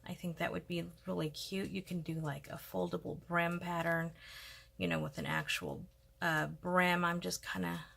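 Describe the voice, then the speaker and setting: A woman hosts a homey crochet tutorial in a casual, chatty way, thinking aloud and filling gaps with little ums. Her voice is bright and carries some vocal fry. She talks close to the mic while her hands are busy. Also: lowish voice. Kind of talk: casual step-by-step craft tutorial.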